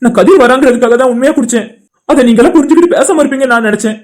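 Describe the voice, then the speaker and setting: A performer voices a heartbroken, guilt-ridden young man in an animated cartoon drama, pleading tearfully in a high, racing natural voice. Music plays underneath.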